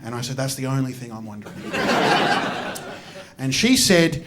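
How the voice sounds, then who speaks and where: A man's voice: mid-range voice, expressive, a little slow, heavy background noise. A man in his thirties with an Australian accent, telling a rambling, self-deprecating stand-up story and swearing freely on stage. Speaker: stand-up comedian. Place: comedy stage before a live audience.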